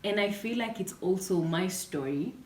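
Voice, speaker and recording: A woman's voice: medium pitch, expressive, moderate pace, a little mellow. A woman hosting a podcast interview, chatting eagerly and reacting often with "wow" and "yeah". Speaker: podcast host. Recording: echoey, distant from the mic.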